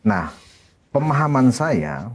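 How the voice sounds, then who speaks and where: A man hosting a talk-show interview. He puts leading, agreeing questions to his guest in an easy, soft-spoken way. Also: medium pitch, big pitch swings, slow, a little hiss or hum. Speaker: host.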